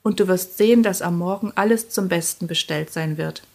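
Lady doing a little magic doll, soft comforting storybook voice, kinda low. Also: fairly quick. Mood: reassuring. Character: small magic doll, kind and reassuring.

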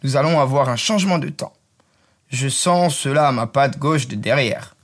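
A man's voice: medium pitch, normal speed, lightly acted. A man voicing an old chained guard dog who lectures and reminisces in a know-it-all manner in a storybook tale. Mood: lecturing.

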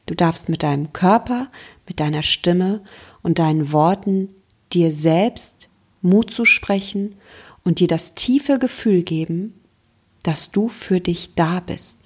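Breathy, gentle German woman coaching. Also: lowish voice. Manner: gentle and encouraging, speaks straight to the listener, slows for emphasis. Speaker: mindfulness coach and podcast host. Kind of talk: self-help podcast talk.

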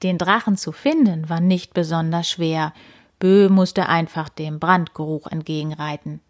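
A woman reading a children's story aloud as narrator, in a clear storytelling manner. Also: low voice, a little slow, no echo, clean studio sound.

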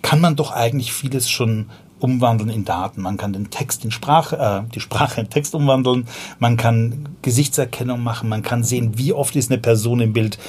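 Husky and darkish in tone, this medium-pitched voice moves at a moderate pace. It belongs to a startup founder in his forties with a Viennese accent, a podcast guest whose casual storytelling is slangy and loose, full of fillers and restarts.

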